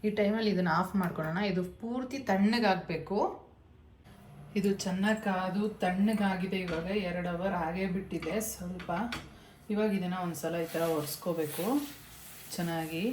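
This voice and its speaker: A woman with a fairly low voice and a Kannada accent walks through a cooking task step by step, practical and instructive. Her voice bounces around an echoey home kitchen, with clear scrubbing and sizzling behind her. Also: fairly even intonation, normal speed, darkish tone, slight background noise. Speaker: home cook demonstrating.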